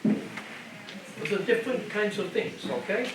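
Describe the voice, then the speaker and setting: An older German man with a German accent speaks slowly in a high-pitched voice, giving a conversational adult education lecture in a church hall. He often repeats phrases and asks the room "okay?". The hall is very echoey, the mic distant, with background noise.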